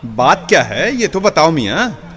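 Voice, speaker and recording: An actor playing a genial nawab and music patron in a radio drama, courtly and cajoling. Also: male voice, fairly high pitch, big pitch swings, measured pace, sharp tone, big-room sound, exaggerated voice. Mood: amused. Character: genial middle-aged male Nawab of Rampur, patron.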